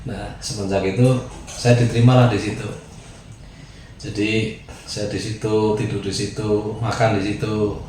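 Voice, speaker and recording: A man from Central Java spins a long personal tale in relaxed conversation, slipping into other people's voices as he goes. The room rings with heavy echo, and a steady noise sits under his voice. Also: lowish voice, a little slow, pauses often. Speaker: guest storyteller. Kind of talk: casual storytelling chat.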